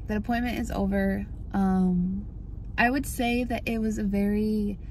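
A woman's voice: medium pitch, steady tone, unhurried, darkish tone, slight background noise. A young woman with a stuffed-up, nasal voice, talking anxiously in a casual personal vlog recorded on her phone. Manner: anxious, rambling with many "like"s. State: stuffed-up nose. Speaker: vlogger. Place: car and hospital hallways, on the move.

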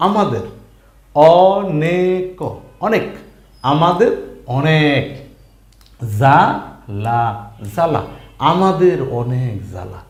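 A man teaching a spelling lesson, asking questions and answering them himself and drawing out syllables. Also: a little high. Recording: echoey room.

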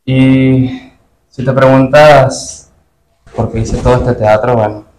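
A man's voice: mid-range voice, flat delivery, slow pace, darkish tone, a little hiss or hum, close to an everyday voice, poor audio. A man playing an earnest rich boyfriend. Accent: Venezuelan. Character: calm rich young man testing his girlfriend. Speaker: wealthy boyfriend.

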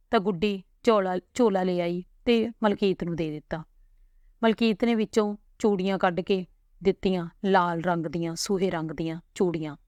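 A woman narrating a family story in a calm, unhurried reading voice. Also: fairly low pitch, no room sound.

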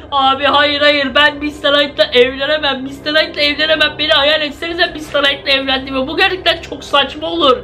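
A young man vlogging dramatically, reacting to a chat and exclaiming to his viewers. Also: very high voice. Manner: excitable, exclaims, talks to viewers as "abi". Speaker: YouTuber.

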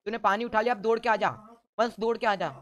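Excited man shouting game orders. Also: sits high, fast. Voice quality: teasing, bossy with teammates, shouts orders. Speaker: gaming YouTuber. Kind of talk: excited let's-play commentary.

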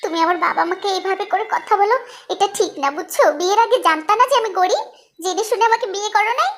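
A woman voicing an indignant young wife who answers her husband with sharp reproaches. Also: very high-pitched, expressive, fast.

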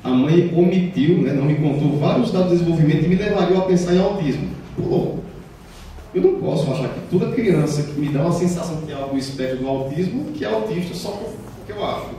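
A man's voice: a little high, fast, mellow. A man from Paraíba, a child psychiatrist with a Paraíba accent, giving an explanatory lecture in a municipal hall and acting out quoted children and parents. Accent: Brazilian Portuguese, Paraíba. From Paraíba, Brazil. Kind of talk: public health lecture. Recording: very echoey hall from far off, faint noise.

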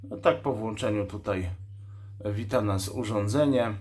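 A radio shop host reviews a walkie-talkie in an unscripted product demonstration, going through its specs in a matter-of-fact, technical way. His voice is fairly low and a little mellow, and he pauses mid-sentence while handling the device.

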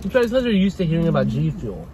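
A young man, a son co-hosting a food review and talking in a relaxed, agreeable way while eating in a parked car, picked up by a dashboard camera. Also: fairly high pitch, racing, slight background noise. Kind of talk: casual chat in a car.

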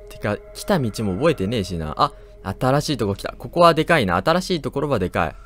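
A man talks through a horror game as he plays, muttering to himself and then bursting into loud startled yelps. His mid-pitched voice swings widely up and down. Faint music plays underneath. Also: sing-song, fast. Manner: jumpy, loud startled outbursts and joking complaints; talks to himself while exploring. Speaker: gameplay commentator. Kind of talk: horror game let's play commentary.

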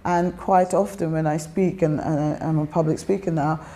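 An older woman from Guyana with a Guyanese accent, reflecting in a documentary interview, pausing and restarting often. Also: sits low, fairly even intonation, warm tone. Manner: reflective, many pauses and restarts.

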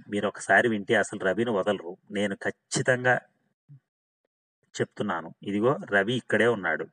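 A man giving voice to a bubbly, talkative rich girl from a storybook, eager and gushing, nudged a touch brighter than his plain low reading voice. Her lines stay lively and forward. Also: close to an everyday voice. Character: cheerful chatty rich young woman. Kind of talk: audiobook dialogue reading.

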